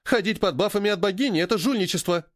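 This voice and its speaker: A man voicing a sharp-tongued young woman, a former thief, speaking in a raised, indignant voice. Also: a little high, animated, a little fast, dry recording, studio quality, natural voice.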